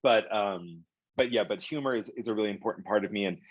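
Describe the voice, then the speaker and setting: Speaking fast in a fairly low voice, this middle-aged man is a publishing executive guesting in an interview, telling rambling stories full of fillers and restarts. The recording is muffled, with no echo.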